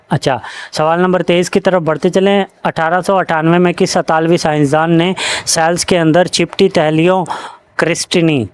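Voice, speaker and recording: A man's voice: on the high side, clean tone. A man with a Pakistani Urdu accent, working through exam questions as a teacher, reading each option aloud with frequent fillers and self-corrections.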